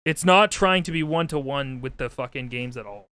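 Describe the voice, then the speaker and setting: A man's voice: mid-range voice, normal speed, bright, forceful tone, a little hiss or hum. A man streaming a video game, chatting casually in a rambling, wry, sweary way. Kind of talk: casual game commentary and chat. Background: game music.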